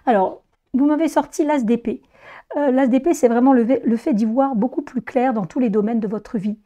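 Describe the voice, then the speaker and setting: Hoarse, mellow woman reading tarot. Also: on the high side, normal speed, highs cut off. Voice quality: hoarse, strained voice. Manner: addresses viewers directly, explanatory. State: hoarse, voice weakened by laryngitis after flu. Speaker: tarot reader presenting a monthly horoscope reading. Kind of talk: informal spoken tarot reading to viewers.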